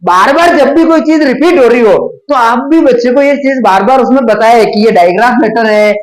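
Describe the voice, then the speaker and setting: A man teaching a phonics lesson, explaining step by step and slowly sounding out letters and words. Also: extremely high pitch, echoey room, poor audio.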